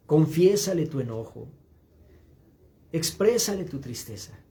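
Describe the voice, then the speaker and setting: Male pastor, gentle consoling sermon, mellow tone. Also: medium pitch, gravelly, a little hiss or hum. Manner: gentle, consoling, repetitive phrasing.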